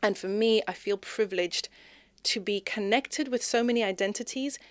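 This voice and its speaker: A Zimbabwean woman appears as a podcast guest in a conversational interview, talking expressively at a moderate pace. When she gets animated, she speeds up and her pitch rises. The recording is dry.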